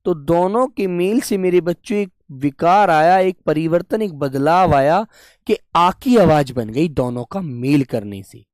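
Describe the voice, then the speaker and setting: A young man teaching a live online Hindi class, patient and deliberate, repeating each point and calling students his dear children. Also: a little high, expressive, a little mellow, no room sound, clean studio sound. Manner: slow and deliberate, breaks words into parts.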